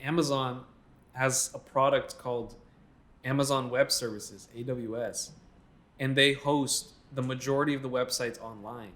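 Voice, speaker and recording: A man's voice: medium pitch, steady tone, a little slow, a bit bright. Young man ranting on a podcast. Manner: opinionated ranting, many filler "like"s. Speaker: podcast co-host. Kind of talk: casual chat.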